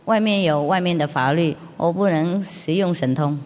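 A woman's voice: fairly low pitch, normal speed, a little mellow. A woman with a foreign accent speaks simple, non-native Mandarin as a spiritual master answering questions informally, often with rhetorical questions. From outside China. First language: not Mandarin. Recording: long reverb of a large hall.

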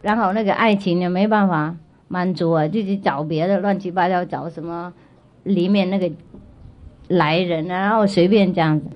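A woman's voice: on the low side, normal speed. A woman spiritual teacher telling a story to children in a chatty way, often repeating herself and asking if they follow. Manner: chatty, checks in with listeners often; repeats and restarts phrases. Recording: dull lo-fi recording.

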